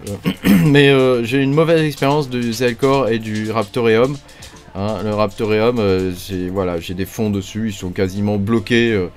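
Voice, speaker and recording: A man hosting a casual mining news roundup, talking loosely with many hesitations and fillers. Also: lowish voice. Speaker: crypto mining channel host.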